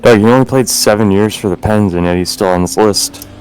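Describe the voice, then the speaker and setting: A male streamer with a lowish voice, joking around casually with friends while he races. There is a faint hum in the background. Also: fairly quick, darkish tone, poor audio. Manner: laid-back slangy banter. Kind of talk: casual chat.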